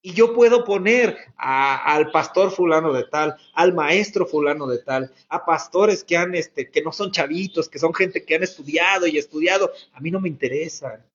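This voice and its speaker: A man preaching a sermon as a pastor, earnest and repetitive, asking the congregation rhetorical questions. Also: fairly high pitch. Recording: muffled lo-fi sound.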